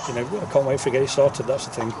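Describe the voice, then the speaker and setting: A crowd can be heard as a football manager fires off his words rapidly in a mid-range voice with little pitch movement. It's an informal post-match interview outdoors on the pitch, and he repeats himself often. The distant outdoor mic catches clear background noise.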